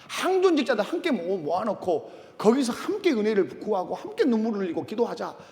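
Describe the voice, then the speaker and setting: A middle-aged man preaching a sermon in a church, calling out questions to the congregation. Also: high-pitched. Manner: animated, calls out questions to congregation. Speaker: pastor. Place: church sanctuary. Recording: long church reverb.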